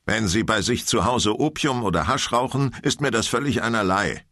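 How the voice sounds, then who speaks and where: Curt fire inspector played by a male narrator, officious, deep, husky. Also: lively intonation, moderate pace, sharp tone, dry recording, clean studio sound. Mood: stern.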